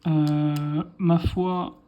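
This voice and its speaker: A man's voice: on the high side, little pitch movement, extremely slow, mellow. A man casually chatting through an unboxing video, thinking aloud and correcting himself as he goes. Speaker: card collector showing a purchase.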